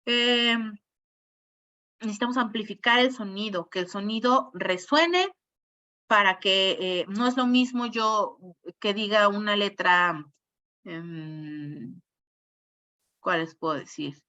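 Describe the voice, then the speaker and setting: This speech therapist talks slowly, leaving long pauses, her medium-pitched voice carrying a sharp edge. She's giving an informal online lecture, walking through ideas step by step and checking in with her audience. The recording sounds muffled and lo-fi.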